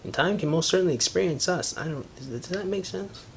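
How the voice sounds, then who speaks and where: A man's voice: on the high side, a little fast, creaky, slight background noise. A man hosting a casual video response, talking through a clip in a conversational, lecturing way and often saying "my friend". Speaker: commentary video host.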